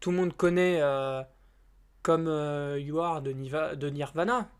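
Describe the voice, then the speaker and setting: A man's voice: fairly high pitch, measured pace, slight background noise. A man chatting casually to camera as a YouTuber. He rambles and hesitates, with many fillers and restarts, in informal, slightly crude speech.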